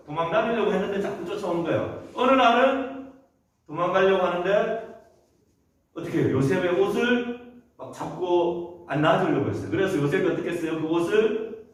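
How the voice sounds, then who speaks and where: A man leading a children's sermon, telling the story and asking the children frequent questions. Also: sits high. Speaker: children's worship leader. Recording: echoey church hall from a distance.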